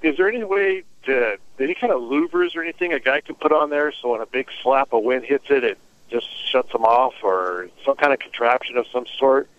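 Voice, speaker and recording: A man's voice: medium pitch, fairly quick, no room sound. A man calling in to a radio show about a home repair, speaking plainly with fillers. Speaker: caller. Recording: dull phone line.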